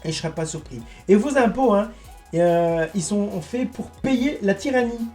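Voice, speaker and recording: A man giving a rambling, indignant monologue to his viewers, halting and restarting as he goes. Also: sits high, expressive, mellow, soft background music. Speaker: online political commentator.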